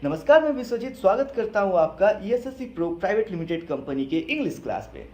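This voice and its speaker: Male host of a tutoring channel, bright high voice with lots of swing, echoey room. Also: sing-song, fast. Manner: earnest, appealing directly to viewers. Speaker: English teacher hosting the channel. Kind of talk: scripted channel introduction.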